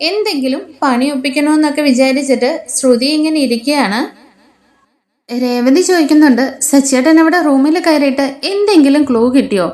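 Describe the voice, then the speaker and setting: A woman's voice: high voice, a little mellow, echoey room. A Malayali woman from Kerala casually retelling a TV serial episode, voicing each character's lines in quotes. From Kerala, India. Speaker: serial story reviewer.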